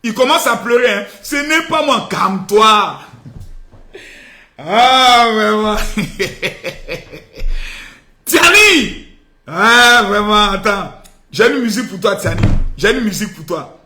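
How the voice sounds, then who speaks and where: A man hosting a live stream, taunting and shouting in a theatrical, sing-song rant. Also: high-pitched, lively intonation, slow, long pauses. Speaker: political live-stream host. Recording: echoey room with faint noise.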